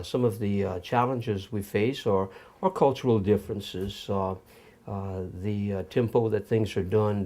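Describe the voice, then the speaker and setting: Low-voiced, halting middle-aged man. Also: warm tone. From Louisiana, United States. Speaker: school assistant principal. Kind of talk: interview talk.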